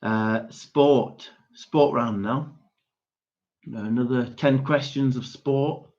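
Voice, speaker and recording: A young man hosting a pub quiz, reading each question slowly, repeating and spelling it out, chuckling and correcting himself as he goes. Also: medium pitch, steady tone, darkish tone. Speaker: quiz host. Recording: dull lo-fi stream audio.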